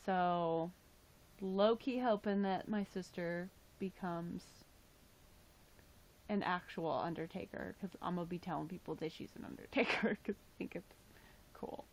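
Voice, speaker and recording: A woman's voice: fairly low pitch, steady tone, a little slow, low-quality recording. A young woman casually chatting on her livestream, reading chat aloud and filling her talk with "like" and "um", her voice tired. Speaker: livestream host.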